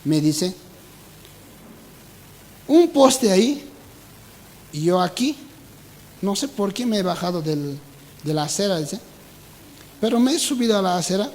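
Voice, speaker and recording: A man's voice: high voice, animated, normal speed, pauses often, a little mellow, rough recording. A young adult man, a pastor with a Bolivian Spanish accent, preaching a sermon and acting out the voices in his stories.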